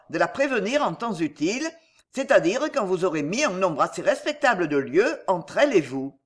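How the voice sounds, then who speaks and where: An audiobook reader voicing a forceful, insistent male adventurer giving urgent advice in a historical novel. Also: medium pitch.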